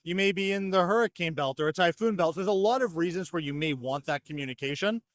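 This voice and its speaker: This man, from North America, speaks for his company in an interview at a trade show exhibition hall, laying out a product in a fluent, structured way. His high voice moves fast, and the sound is clean studio audio with no echo.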